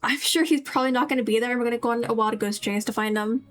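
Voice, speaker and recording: A woman livestreamer plays a video game and chats with her viewers, giving casual, rambling commentary in a slightly high voice at a quick pace. Game music plays in the background.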